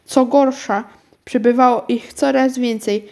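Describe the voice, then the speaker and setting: A woman reading a children's storybook aloud. Her narration is calm and gentle. Her voice sits somewhat high for a woman. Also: unhurried.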